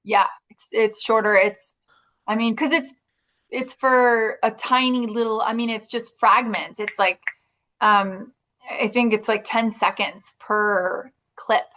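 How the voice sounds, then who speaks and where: A woman's voice: on the high side, fairly even intonation, slow, fairly bright tone. A woman, an actress, talking about her work in a casual interview, in a chatty way with many restarts. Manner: chatty, frequent restarts and fillers like "like".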